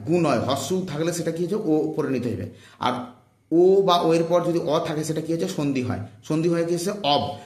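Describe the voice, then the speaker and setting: Man teaching in an echoey room. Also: a little high. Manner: drills students with repeated questions and answers. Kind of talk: exam-prep grammar lesson. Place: room, filmed with handheld phone. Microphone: handheld phone.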